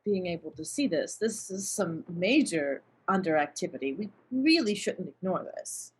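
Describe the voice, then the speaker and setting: A woman's voice: fairly low pitch, expressive, normal speed, husky. A woman talking eagerly as a player in a tabletop game.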